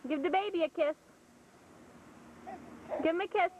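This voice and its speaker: A woman's voice: very high-pitched, moderate pace, narrow, tinny audio, very noisy. A woman filming a home video, coaxing and playful as she talks to a baby, heard on an old camcorder tape. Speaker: home video camera operator. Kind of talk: casual home video chatter. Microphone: camcorder built-in mic.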